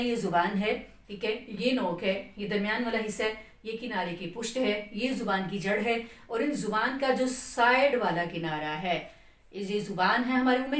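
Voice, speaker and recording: A woman with a Pakistani Urdu accent and a slightly high, somewhat bright voice teaches a tajweed lesson, heard through a distant mic in a roomy space. She patiently explains where a letter is articulated, chants long demonstrations of it, and repeats "theek hai" to check understanding.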